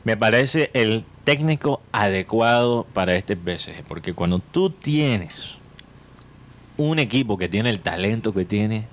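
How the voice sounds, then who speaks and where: A man co-hosting a podcast, chatting about football in an animated, opinionated way and throwing out rhetorical questions. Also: lowish voice, a little slow. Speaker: podcast co-host. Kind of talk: casual football chat.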